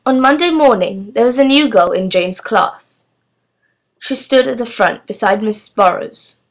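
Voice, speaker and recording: A woman reading a children's novel aloud in a steady, clear storytelling manner. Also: fairly high pitch, a little slow. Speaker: storybook reader.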